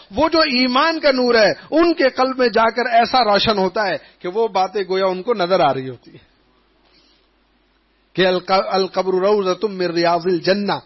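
A man giving an Islamic sermon, telling anecdotes in an animated way and acting out the people he quotes. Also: sits high. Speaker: preacher. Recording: dull lo-fi recording.

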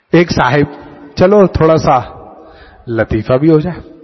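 Lively husky man teaching prayer. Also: on the high side. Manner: demonstrative, addresses students directly; repeats key points in a drilled way. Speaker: religious teacher. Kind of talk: teaching a class how to pray. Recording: dull lo-fi sound with long hall reverb.

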